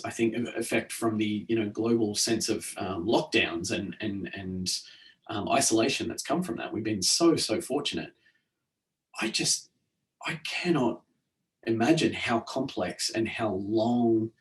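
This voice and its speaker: Low-voiced man, hesitant chat. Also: far from the mic. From Australia. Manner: hesitant, many restarts and fillers. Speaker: podcast co-host. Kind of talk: casual chat.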